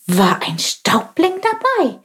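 A woman voicing a curious, excitable little male sparrow who asks eager questions. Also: sits high, measured pace, pitched above the performer's own voice.

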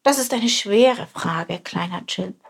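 A woman's voice: mid-range voice, animated, takes it slowly, vocal fry, husky, full character voice. A woman voicing a wise old male lion who grumbles and speaks solemnly.

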